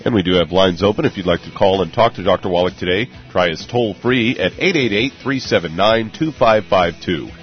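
A man's voice: deep voice, a little fast, few pauses, soft background music. A man announcing the phone lines for a radio show, reading out numbers, taped off the radio. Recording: dull dry lo-fi radio tape.

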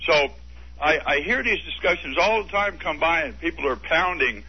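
A man's voice: a little high, lively intonation, normal speed, a little hiss or hum. A man calling in to a radio talk show, arguing his views in an earnest, firm way. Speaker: radio caller. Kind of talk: call-in radio debate. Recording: dull lo-fi radio broadcast.

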